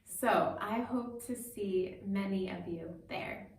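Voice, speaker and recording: Speaking slowly in a mid-range voice, a woman pastor addresses children directly and keeps her explanations simple as she tells them a story. The recording is echoey, picked up by a microphone set far away.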